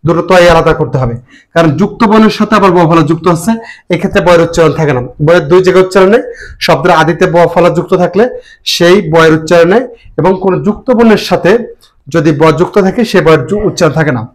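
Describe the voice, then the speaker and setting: A man teaching pronunciation, spelling out words slowly and deliberately, syllable by syllable. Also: high-pitched, rough recording. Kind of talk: classroom lesson.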